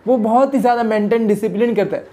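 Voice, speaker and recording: A man's voice: high voice, fairly even intonation, fast, dark tone. Earnest man giving a religious talk. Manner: earnest, exhorting, repeats phrases. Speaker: religious video host. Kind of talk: Islamic advice talk to camera.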